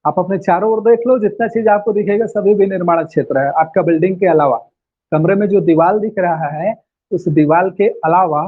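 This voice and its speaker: Male teacher, high husky voice, drills points with repeated questions, tinny phone-like audio. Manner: repeats key phrases and quizzes students with questions. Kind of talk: online class lecture.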